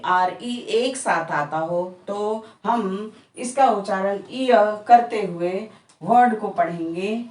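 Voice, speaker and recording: Unhurried lady teacher, draws out each example word, roomy echo. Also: mid-range voice, a little mellow, recorded from a distance. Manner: stretches out example words one by one. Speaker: English teacher. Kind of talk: slow, patient spoken lesson. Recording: echoey room, voice a bit off-mic.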